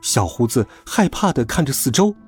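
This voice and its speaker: Husky lively storyteller man. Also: medium pitch, normal speed, soft background music. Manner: lively, expressive reading. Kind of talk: children's storybook narration.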